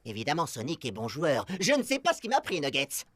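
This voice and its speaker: A man's voice: on the high side, huge pitch swings, fairly quick. A man voicing a vain, scheming cartoon villain posing as a heroic hedgehog, with a pompous, gloating and theatrical delivery. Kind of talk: animated series dubbing.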